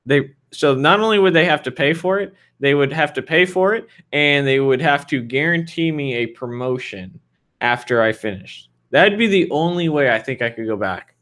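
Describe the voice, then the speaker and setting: A man's voice: fairly high pitch, animated, normal speed, fairly bright tone. A man in his thirties answering viewer questions in a loose, frank, rambling way with lots of fillers. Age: 30s. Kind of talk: casual livestream Q&A.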